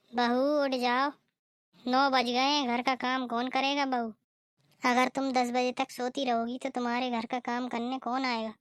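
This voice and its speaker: A woman's voice: on the high side, clean tone, dry recording, clean studio sound, natural voice. A woman voicing a strict, scolding middle-aged mother-in-law in a cartoon, nagging and complaining. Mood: grumbling. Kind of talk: cartoon voice acting.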